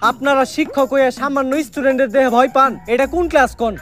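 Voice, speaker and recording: A man, acting in a comic sketch with a loud, flustered delivery. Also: very high voice, fairly even intonation, rapid-fire, soft background music. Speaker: comedy sketch actor playing a school principal.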